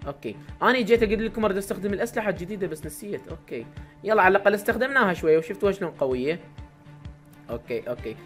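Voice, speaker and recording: Fast-talking excitable Iraqi young man. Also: high-pitched, faint music behind. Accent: Iraqi Arabic. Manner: excitable, talks to viewers while playing, sudden loud exclamations. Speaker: gaming YouTuber. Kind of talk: live gameplay commentary.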